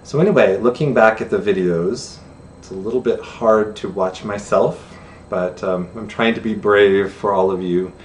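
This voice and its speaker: A man's voice: on the low side, normal speed. Chatty man teaching sign, heard from a distance. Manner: chatty, self-deprecating, laughs at himself. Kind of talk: friendly beginner lesson to camera. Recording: distant camera mic with faint room noise.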